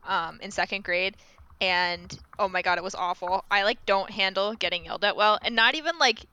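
A woman in her twenties, co-hosting a podcast and telling stories in a chatty, animated way with many fillers. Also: medium pitch, normal speed, clean tone, rough recording. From Rhode Island. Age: 20s. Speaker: podcast co-host. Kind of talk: casual chat.

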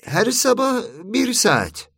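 A chatty middle-aged housewife with a lively, sing-song delivery, as a male narrator puts her on, raised well above his usual pitch. She speaks briskly and practically, getting straight to the point. Her lines sit within a dry, close storytelling read. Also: gravelly, slightly rough, no echo, full character voice. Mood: plain.

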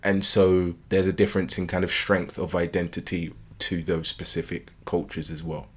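Deep-voiced British man, reflective. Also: little pitch movement, normal speed, slightly rough. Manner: curious, probing, reflective. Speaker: podcast co-host. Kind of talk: casual chat.

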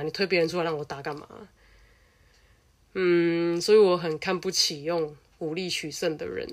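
A young adult woman with a Taiwanese Mandarin accent, telling a personal story in a blunt, animated, casual way and swearing freely. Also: low voice.

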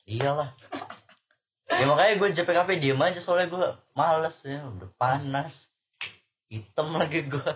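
A man's voice: on the high side, unhurried, pauses often. A young man chatting casually in slang and laughing often. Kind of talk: casual chat. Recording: dull lo-fi recording.

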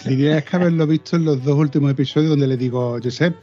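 Mellow-voiced podcast co-host, animated. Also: male voice, a little high, fast, soft background music. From southern Spain. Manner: animated, acts out quoted dialogue. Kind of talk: casual chat. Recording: dull lo-fi recording.

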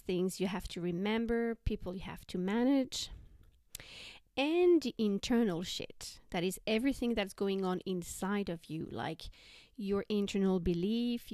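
A woman hosting a self-help podcast, talking conversationally in a measured, explanatory way. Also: mid-range voice, a little mellow, no echo, studio quality. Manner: measured, explanatory, listing examples. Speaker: podcast host.

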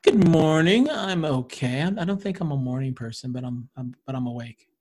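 A man who produces and co-hosts a podcast, joking dryly and reading the show intro in a slow radio-announcer delivery. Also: a little high, expressive, darkish tone.

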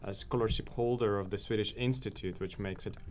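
Low-voiced man, measured. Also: fairly even intonation. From Ukraine. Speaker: master's student. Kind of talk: interview conversation.

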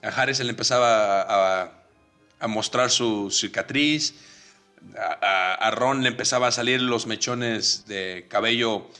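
A man with a Mexican Spanish accent co-hosting a podcast. He rambles through a casual film recap, full of hesitations and quick acted-out quotes. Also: lowish voice, bright, forceful tone, faint music behind. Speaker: podcast co-host. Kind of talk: casual movie recap chat.

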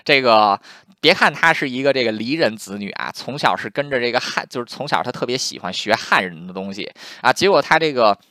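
A man casually telling a history story in a lively, chatty way with lots of fillers. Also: mid-range voice, fairly quick, no room sound, clean studio sound.

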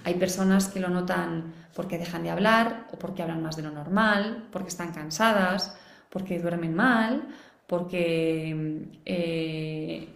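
A woman's voice: on the low side, a little slow, creaky, roomy sound. A woman teaching a live online parenting class, explaining and acting out quoted voices. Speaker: parenting educator.

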